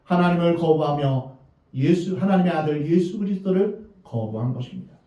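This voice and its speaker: A male pastor delivers an earnest sermon and poses rhetorical questions to the congregation. His voice sits a little high but sounds mellow and dark. It is picked up from a distance in a big, echoing sanctuary. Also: lively intonation, moderate pace. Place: church sanctuary. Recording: very echoey, distant, dull church recording.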